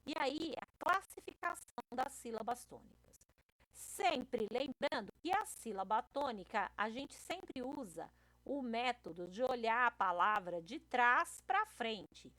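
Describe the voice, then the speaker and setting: A woman's voice: fairly high pitch, animated, unhurried, a bit bright, dry recording, low-quality recording. A woman teacher giving a recorded video lesson to children, patient and explaining step by step, often checking in with them. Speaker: primary school teacher.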